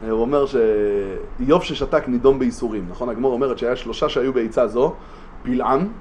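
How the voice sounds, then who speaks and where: A man giving a religious study lesson, animated, with emphatic rhetorical questions and frequent restarts. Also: medium pitch, slight background noise. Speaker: Torah teacher.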